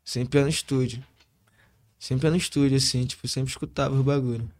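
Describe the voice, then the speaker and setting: A man's voice: mid-range voice, steady tone, fairly quick, a little mellow. A man with a Rio de Janeiro accent chatting casually as an interview guest in street slang peppered with tag phrases. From Rio de Janeiro, Brazil. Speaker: interview guest, hip hop musician.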